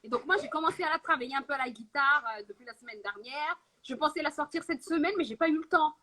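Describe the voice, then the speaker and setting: Bright high-voiced woman singer. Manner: chatty, rushes through stories with quick asides. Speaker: singer and interview guest. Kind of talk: live singing then casual chat.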